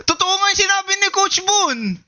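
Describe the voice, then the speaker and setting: A man in his twenties streaming a casual reaction, excitable and profane, rambling and teasing. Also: very high-pitched, normal speed. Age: 20s. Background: background music.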